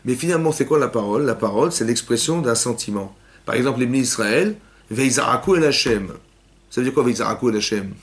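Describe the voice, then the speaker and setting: Animated man teaching a class. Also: mid-range voice, fast talker. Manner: animated, asks questions, acts out cries and quotes. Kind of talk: lively torah class, questioning students. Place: synagogue hall with young women students.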